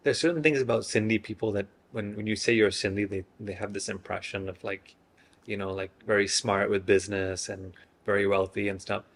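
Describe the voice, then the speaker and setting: Man, 30s, from Singapore; hesitant, easygoing interviewee, lowish voice. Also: a little fast, slight background noise. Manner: relaxed, hesitant, many fillers and restarts. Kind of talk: casual interview chat.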